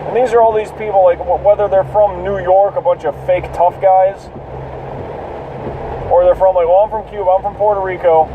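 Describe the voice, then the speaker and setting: Swearing at other drivers, a podcast host rambles casually alone in his car as heavy rain falls. He speaks at a normal speed in a steady, high-pitched tone, captured from a distance in narrow, tinny audio with rain and road noise.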